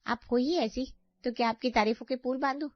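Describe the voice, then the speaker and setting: A woman's voice: high voice, fairly even intonation, fairly quick, no echo, natural voice. A woman voicing a spiteful, scheming young sister-in-law in a cartoon story, with an accusing, whiny manner. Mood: scornful. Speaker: voice actor. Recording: dry, slightly dull audio.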